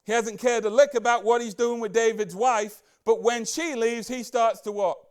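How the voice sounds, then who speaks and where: A man preaching a casual Bible-study sermon as a church pastor, chatty and excitable, full of rhetorical questions and asides. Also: very high voice, moderate pace.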